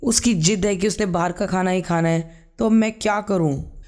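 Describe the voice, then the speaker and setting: Casting: man doing a tired, pleading young husband, high voice, storybook. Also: steady tone, moderate pace, a little mellow, close to an everyday voice. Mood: weary. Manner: weary, pleading. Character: tired young husband caught between wife and mother.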